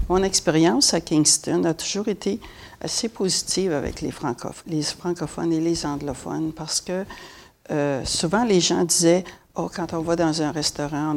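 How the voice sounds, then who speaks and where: Older Québécoise with a gravelly low voice. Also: female voice, darkish tone. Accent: Québécois French. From Montreal, Quebec. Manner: chatty, many fillers. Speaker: guest. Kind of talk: casual panel talk.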